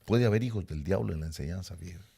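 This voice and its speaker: Low gravelly-voiced man preaching. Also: fast talker, warm tone. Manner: emphatic, repetitive, addresses listeners directly. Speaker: pastor. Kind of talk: sermon.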